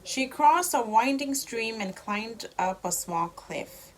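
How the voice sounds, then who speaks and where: Reading a storybook to a young child like a mother would, a woman speaks slowly in a rather high voice, expressive and full of simple explanations. The audio is poor.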